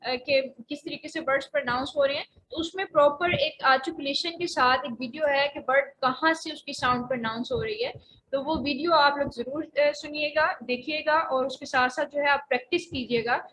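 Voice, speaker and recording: A woman's voice: high-pitched, normal speed, a bit bright, slight background noise, poor audio. A woman teaching Quran recitation in an online lecture, explaining pronunciation patiently with frequent hesitations. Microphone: voice only, face not shown.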